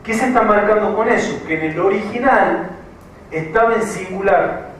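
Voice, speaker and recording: A higher-voiced man with an Argentine Spanish accent gives a classroom lecture on writing. He explains methodically, repeats key points and checks in with his students. The sound is distant and heavily echoey, with faint room noise underneath. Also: moderate pace, fairly bright tone. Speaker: writing teacher. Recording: far-off echoey classroom recording.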